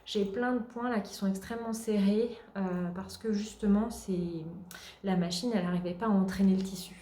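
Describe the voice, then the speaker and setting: A woman hosting a craft podcast, casually showing her work and pausing often with fillers. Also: mid-range voice, steady tone, warm tone. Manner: hesitant, many filler pauses. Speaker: podcast host. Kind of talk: casual show-and-tell chat. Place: at home. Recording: roomy echo.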